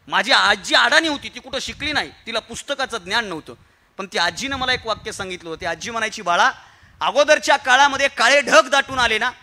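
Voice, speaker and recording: Marathi kirtan speaker guy, really high voice, storytelling then hammering the point home. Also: sharp tone. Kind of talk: humorous motivational speech to an audience.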